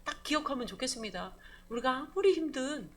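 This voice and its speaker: A woman pastor preaching a midweek church sermon, lively and conversational, calling out for amens and acting out voices. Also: sits high, brisk. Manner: animated preaching, calls for amen, acts out scolding voices.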